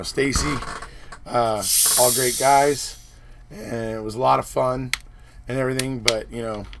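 A channel host in his forties, his mid-range voice slightly hoarse, rambles casually through a recap of a trip with plenty of fillers. He's filmed on a webcam in a home office room hung with posters, with noise in the background.

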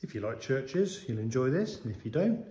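A man's voice: mid-range voice, sing-song, normal speed, mellow. A middle-aged man vlogging casually as he walks around outdoors and through a small stone church, chatting with many restarts, filmed on a handheld camera at arm's length. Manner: chatty, rambling, often restarting sentences. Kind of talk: casual walking vlog chat.

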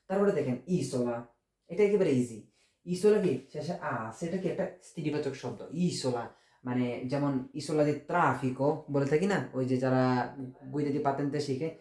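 A Bengali-speaking man teaching Italian grammar, explaining step by step with many rhetorical questions and repeating words slowly. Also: a little high, warm tone, echoey room. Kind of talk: informal online language lesson.

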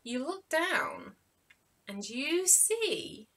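Lively woman telling a children's story. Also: high-pitched, very slow. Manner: animated, with dramatic gasps and hushed asides.

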